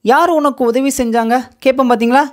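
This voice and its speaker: A woman with a Tamil accent teaching a spoken English lesson, saying each question twice with careful, drawn-out repeats and quicker asides between them. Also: sits high, fairly even intonation. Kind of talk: slow repeat-after-me language lesson.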